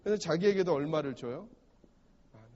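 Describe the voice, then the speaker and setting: A man's voice: fairly high pitch, lively intonation, brisk, darkish tone. A male pastor preaching a sermon, retelling a parable and often asking the congregation rhetorical questions. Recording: dull recording in a reverberant church hall.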